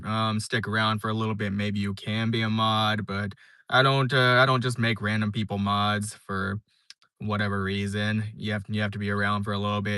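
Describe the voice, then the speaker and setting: Reading viewer comments on his live stream, a young man chats in a relaxed, meandering fashion, often restarting and using plenty of fillers. His voice sits on the low side, sharp, clear and resonant, in a dry recording with clean studio sound.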